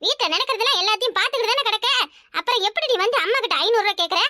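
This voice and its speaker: A woman doing a shrill, scolding village mother. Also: bright, forceful tone, dry recording, clean studio sound. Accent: Kanyakumari Tamil. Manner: shrill scolding, threatening, rapid-fire. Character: harsh, worn-out village mother, scolding and bitter. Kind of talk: cartoon voice acting.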